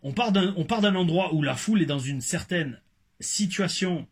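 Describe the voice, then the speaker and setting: A man reviewing wrestling in a casual vlog, a former wrestler talking in an animated, digressive way with emphatic asides. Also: high-pitched, moderate pace, husky.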